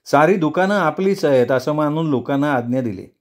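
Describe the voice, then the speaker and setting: A male storyteller narrating a novel aloud in a measured, deliberate reading style. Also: fairly high pitch, lively intonation.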